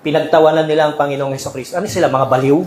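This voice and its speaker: A man's voice: fairly high pitch, fairly even intonation, racing, a little mellow, a little hiss or hum. Echoey man preaching a sermon. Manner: conversational preaching, frequent rhetorical "no?" checks; mixes Tagalog and English. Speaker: pastor. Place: church sanctuary. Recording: echoey church hall with faint ambience.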